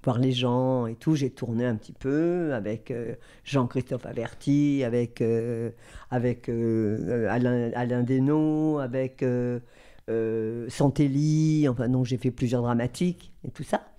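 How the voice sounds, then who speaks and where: An older woman from southern France, a guest voice actress telling lively anecdotes and acting out the people she quotes. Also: a bass voice, measured pace, clear, resonant tone. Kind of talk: anecdotal storytelling.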